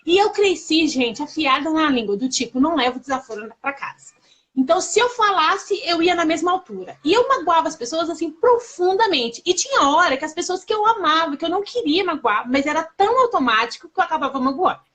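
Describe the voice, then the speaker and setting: A Brazilian woman with a high voice hosts a relaxed conversation. She tells personal stories in a lively, confiding way and keeps turning to address her listeners directly. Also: a little fast. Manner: lively, confiding, often turns to listeners with "gente". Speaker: host.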